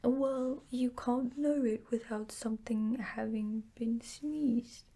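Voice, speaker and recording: Woman plays wistful bear of little brain for bedtime storybook: raised pitch, soft breathy tone, hesitant delivery. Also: steady tone, slow. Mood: insistent. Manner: hesitant, stammering. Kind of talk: children's bedtime storybook character voice.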